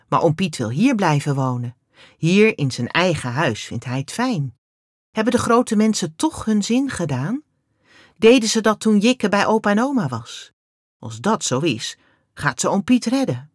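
A woman with a low, husky voice reads a children's storybook aloud. Her telling is expressive, with a lively rise and fall of pitch. The sound is close and dry. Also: dry recording. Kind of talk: reading a children's book aloud.

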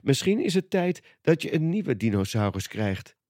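A man reading a storybook aloud, voicing a kind, fatherly pig dad in a gentle, encouraging manner. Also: mid-range voice, very animated, normal speed, dry recording, studio quality, natural voice.

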